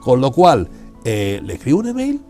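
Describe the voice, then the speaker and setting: An older man from Málaga, a guest telling his story in a relaxed, animated way, full of asides. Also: medium pitch, moderate pace, faint music behind. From Spain (Málaga). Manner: lively, animated, many fillers and asides. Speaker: guest, geographer. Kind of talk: casual conversational storytelling.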